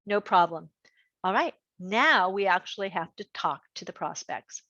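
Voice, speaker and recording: Woman workshop presenter, middle-aged, animated and lively, dry and slightly dull recording. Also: moderate pace, dry recording. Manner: lively, animated delivery with pitch jumps.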